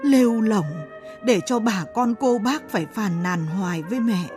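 A woman's voice: medium pitch, lively intonation, a little slow, a little mellow, faint music behind, natural voice. A woman voicing a tearful mother pleading with her wayward son in a storybook tale.

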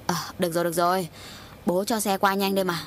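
A woman voicing a middle-aged father hiding his guilt, who keeps reassuring the children in a calm, soothing way. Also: on the low side, fast, slight background noise, natural voice. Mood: falsely reassuring.

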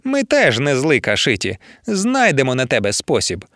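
A man's voice: mid-range voice, huge pitch swings, moderate pace, a bit bright, no echo, studio quality. A man voicing a fierce, scolding tiny dwarf woman in an audiobook. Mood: furious. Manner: scolding, threatening.

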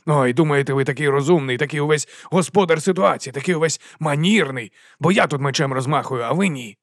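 Give me a man playing a power-mad secretary, shrill, raised and ranting. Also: animated, fast, no room sound, clean studio sound. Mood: gloating. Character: panicking power-mad male palace secretary.

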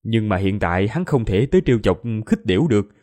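A man narrating a fantasy audiobook in an expressive storytelling manner. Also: fairly low pitch, fast. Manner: expressive storytelling, voices all characters.

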